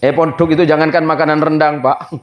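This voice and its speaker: A man, preaching to a gathering and telling jokey stories in a lively way. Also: on the high side, quick pace, background noise. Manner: jokey, lively, mixes in regional dialect. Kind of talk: humorous sermon storytelling. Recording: echoey hall through a PA.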